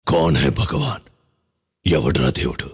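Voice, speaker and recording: An actor playing a brooding ascetic holy man, intoning slow declarations in a deep gravelly voice in dubbed film dialogue. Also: big pitch swings, no room sound, clean studio sound, heavily acted.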